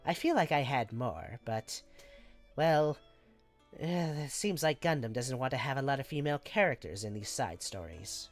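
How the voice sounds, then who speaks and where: A man with a medium-pitched voice and moderate pace chats while streaming games, wandering from topic to topic and putting himself down, his nose stuffed up and a cough lingering. He calls his voice monotone, and faint music runs behind him.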